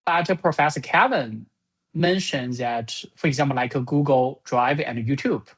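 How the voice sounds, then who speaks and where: A software creator talks through his business plans informally, halting and thinking aloud as he goes. The voice sits in the mid-range with a breathy edge.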